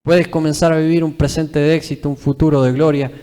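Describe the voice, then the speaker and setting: A man's voice: a little high, level tone, fairly quick, warm tone, smooth. A young man with an Argentine accent preaching emphatically at a live church service, often tagging his phrases with a questioning "eh". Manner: emphatic, repetitive, tags phrases with "¿eh?". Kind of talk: live sermon. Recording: reverberant church hall.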